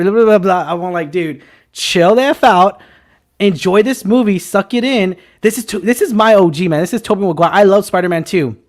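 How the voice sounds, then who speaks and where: A man in his twenties hosting a casual movie talk show, excitable and teasing, with loud bursts. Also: sits high. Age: 20s. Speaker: podcast host. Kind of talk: casual film chat.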